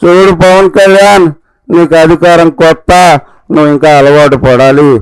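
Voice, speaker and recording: Street satire: cynical veteran politician male actor, high voice, little melodic movement, lecturing in short phrases. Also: steady tone, normal speed, clean tone, dry recording, natural voice, low-quality recording. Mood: smug, scheming.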